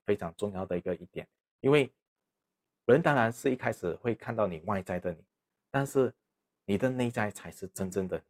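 A man's voice: medium pitch, darkish tone. Man, sermon, conversational preaching, frequent fillers.

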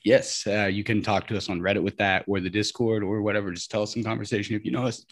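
A man's voice: fairly low pitch, flat delivery, quick pace. A man co-hosting a podcast, chatting casually and cursing freely. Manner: easygoing, profane, a bit rambling. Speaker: podcast co-host. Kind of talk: casual chat.

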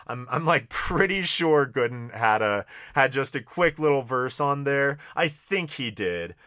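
A man with a bright, forward voice in a close, dry recording. He talks in casual podcast banter, hesitant and rambling, leaning on "like" and easygoing slang as he finds his way through a thought. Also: medium pitch, lively intonation, unhurried, no room sound. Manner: hesitant, rambling, heavy use of "like". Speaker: podcast co-host. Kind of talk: casual banter, fantasy draft commentary.

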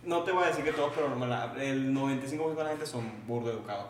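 A young man with a Venezuelan accent, a podcast guest telling slangy, animated anecdotes. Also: medium pitch, very fast. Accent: Venezuelan Spanish. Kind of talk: casual storytelling. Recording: echoey room with background noise.

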